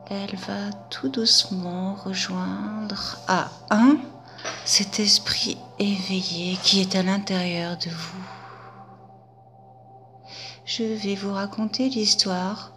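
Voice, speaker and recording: A woman guiding a hypnosis session, speaking softly in a drawn-out half-whisper. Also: mid-range voice.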